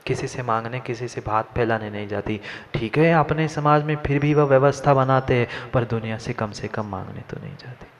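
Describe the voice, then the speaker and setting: A man's voice: mid-range voice, normal speed, a little hiss or hum. A man giving a Jain sermon, addressing listeners by name and repeating his lines for emphasis. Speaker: Jain monk preacher. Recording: dull lo-fi sound.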